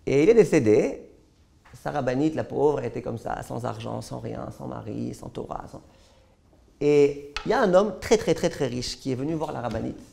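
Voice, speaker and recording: A man who is a rabbi teaching a Torah lesson to a live audience, telling stories in a lively way and often stumbling over repeated words. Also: mid-range voice, moderate pace, creaky. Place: class hall with a live audience.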